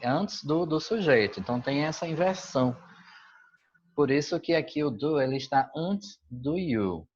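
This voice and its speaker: A man's voice: medium pitch, dull audio. A man with a Brazilian Portuguese accent, an English teacher patiently explaining a school worksheet and often checking that students follow.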